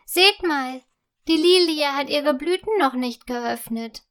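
A woman voicing an excitable, loving female snowdrop flower in a children's audio story. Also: high voice, slow. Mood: excited. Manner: excited, affectionate.

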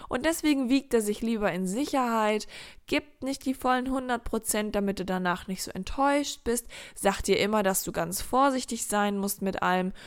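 A woman talks straight to the listener in a motivational monologue with a mid-pitched voice. She is animated and casual, fires off rhetorical questions and briefly acts out the voices in her head. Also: moderate pace, clear, resonant tone. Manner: acts out inner voices and quotes; casual slang. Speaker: motivational speaker.

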